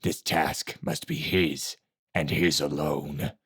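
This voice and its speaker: Man voicing a gravelly, slow old assassin master. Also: level tone, fairly bright tone, heavily acted. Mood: cold. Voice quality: low gravelly voice. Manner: slow, cold, commanding. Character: old male assassin clan leader, menacing. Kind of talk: audiobook character voice.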